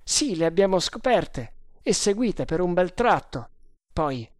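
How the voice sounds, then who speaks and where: A man's voice: high-pitched, very animated, measured pace, no room sound, studio quality, voice pushed up. A man voicing a hunter and secret traitor who reports back in a subdued way. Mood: downcast. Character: wary male hunter, traitor feigning discouragement.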